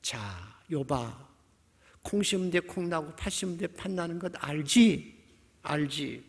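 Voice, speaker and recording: A man's voice: on the high side, a little slow, gravelly, voice pushed up. A male pastor voicing friends who lecture and accuse a suffering man. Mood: lecturing. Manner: scolding, insistent, lecturing. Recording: reverberant church hall.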